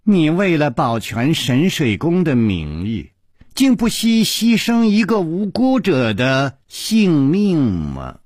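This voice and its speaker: A man's voice: on the high side, wildly swooping pitch, slow, darkish tone, slightly rough, no room sound, studio quality, heavily acted. A man voicing a witty, composed young swordsman, speaking in a light, wry, questioning tone. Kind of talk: traditional storytelling broadcast.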